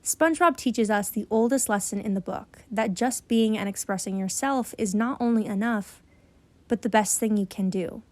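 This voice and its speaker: A woman's voice: medium pitch, moderate pace, darkish tone, dry recording. A woman narrating a scripted video essay in an earnest, explanatory way.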